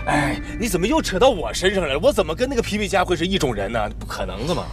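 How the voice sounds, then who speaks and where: A put-upon, fast-talking young man. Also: high voice, sing-song. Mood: exasperated. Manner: defensive, exasperated. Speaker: passenger beside the mother. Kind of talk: TV drama acting. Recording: music playing behind.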